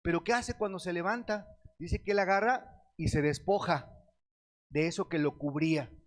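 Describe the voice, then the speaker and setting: A man preaching a sermon, reading scripture slowly and asking the congregation questions that he answers himself. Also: high-pitched. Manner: reads scripture aloud with slow stretched words; addresses the congregation as beloved brethren.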